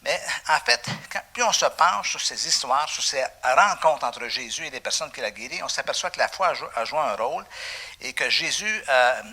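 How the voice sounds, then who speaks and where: A man with a Québécois French accent preaching a sermon as pastor, animated, with frequent fillers and restarts. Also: mid-range voice, moderate pace. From Canada. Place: church.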